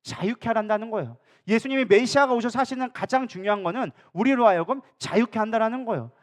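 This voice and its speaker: A man's voice: high voice, quick pace. A male pastor preaching a sermon in a church, often asking the congregation questions and answering them himself. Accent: Korean, Daejeon area. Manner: acts out quoted speakers in a changed voice. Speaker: co-senior pastor. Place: church sanctuary.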